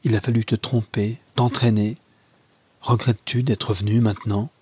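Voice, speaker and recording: A man reading aloud plays an ardent young lover, speaking in a low, intimate and insistent way. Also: flat delivery, moderate pace, darkish tone, breathy edge, no echo.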